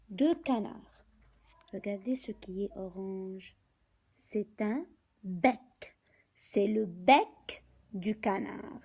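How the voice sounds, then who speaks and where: A woman teaching young children from a picture book, speaking slowly and deliberately, repeating words and counting aloud. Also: medium pitch, mellow, rough recording.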